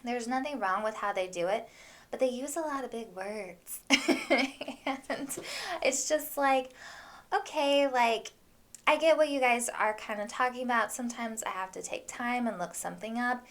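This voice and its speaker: A woman's voice: fairly high pitch, moderate pace, fairly bright tone. A woman hosting a solo podcast, talking casually and conversationally as she thinks aloud to her listeners. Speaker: podcast host and housewife.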